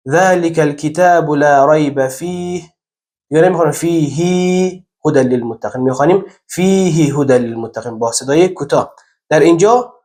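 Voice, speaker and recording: A man teaching Quran reading in a recorded lesson, explaining step by step and slowly stretching out the example words he recites. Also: a little high, a little mellow.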